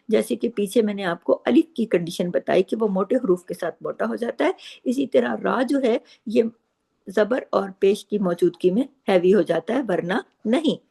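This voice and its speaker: A woman gives a patient recitation lesson at a middle pitch. She explains each rule step by step. She recites the words slowly and stretches out the long sounds. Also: vocal fry, darkish tone, husky. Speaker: Quran recitation teacher.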